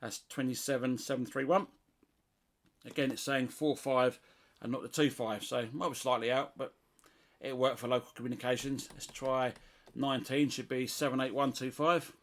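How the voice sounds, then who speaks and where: This is a middle-aged British CB radio hobbyist presenting an informal hands-on demonstration. His mid-range voice stays steady at a normal speed as he thinks aloud, unscripted, while testing.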